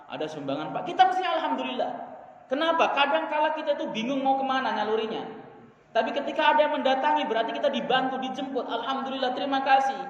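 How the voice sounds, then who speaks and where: A high-voiced male preacher delivering an animated sermon, his voice swinging through pitch and volume as he talks. He sometimes chants Arabic quotations. The sound is dull and lo-fi, with a long hall echo and a faint hiss. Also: fast talker. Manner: animated, acts out quoted dialogue with big swings in pitch and volume. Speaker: Islamic preacher. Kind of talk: lively mosque sermon.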